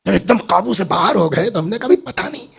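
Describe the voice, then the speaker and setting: A man's voice: high-pitched, lively intonation. An older man giving a sermon, telling stories and putting questions to his listeners. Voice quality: gravelly, husky voice. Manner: storytelling, asks the audience questions. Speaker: Islamic scholar giving a majlis lecture.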